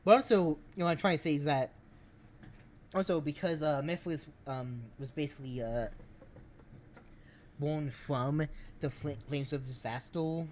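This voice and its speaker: A man streaming, giving casual game commentary in a rambling, halting way. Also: on the high side, a little hiss or hum.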